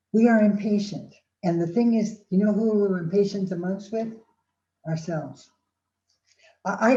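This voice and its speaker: An older woman gives a motivational talk, her mellow, slightly low voice moving between storytelling and acted-out inner voices, with sighs and restarts. The recording is dull and echoes in a roomy space. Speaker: speaker giving a talk on aging well.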